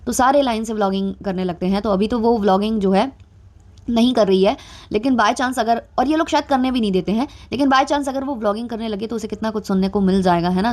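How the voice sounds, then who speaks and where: A woman's voice: medium pitch, a little mellow. A young adult woman talking through gossip commentary in a chatty way, with frequent filler sounds and a mildly sarcastic edge. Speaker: commentary vlogger.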